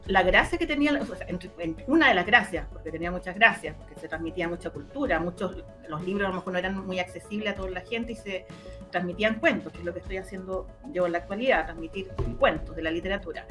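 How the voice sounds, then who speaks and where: Talking fast in a lowish voice over background music, this radio drama and audio story producer is being interviewed conversationally. She has a Chilean accent and comes across reflective and expressive, frequently repeating words to stress them.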